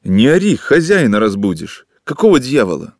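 A man reading aloud and voicing a coarse, drunk woman who mocks and shouts, short of breath. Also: medium pitch, big pitch swings, moderate pace, no room sound, studio quality. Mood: scornful. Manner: shouting, mocking, contemptuous.

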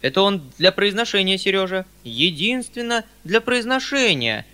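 A male reader plays a kindly older landowner uncle, fussing and hurrying over his words. The voice is raised, loud and bright. The manner is excitable and slightly pleading. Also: on the high side. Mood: flustered eager. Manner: fussy, hurried, excitable.

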